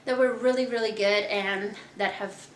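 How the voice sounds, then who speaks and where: A woman's voice: medium pitch, steady tone, moderate pace, a little hiss or hum. A young woman from Kazakhstan hosting her own podcast, telling her life story in a chatty, candid way and laughing often. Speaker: podcast host. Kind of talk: casual personal storytelling. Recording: echoey room.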